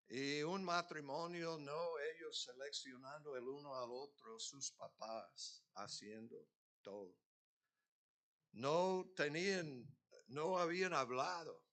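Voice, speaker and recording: A man's voice: medium pitch, slow, sharp tone. A man preaching a sermon as pastor, earnest, building to emphatic peaks. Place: church.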